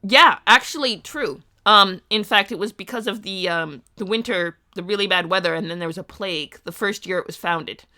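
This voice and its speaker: A woman chats on her live stream, rambling through her thoughts with frequent ums and uhs. Her voice is bright and clear, though she sounds worn out and sleepy. She talks casually and easily into a streaming mic. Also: mid-range voice, moderate pace, hardly any pauses. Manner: rambling, many ums and uhs, thinking aloud. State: tired, sleepy.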